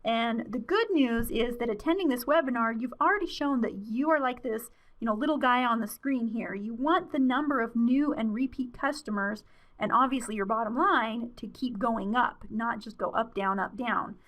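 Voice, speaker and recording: A woman with a slightly high voice presents a webinar in a casual, conversational way. She talks to her listeners in a friendly tone, filling gaps with small fillers. Her voice is wearing thin. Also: normal speed, hardly any pauses. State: losing her voice.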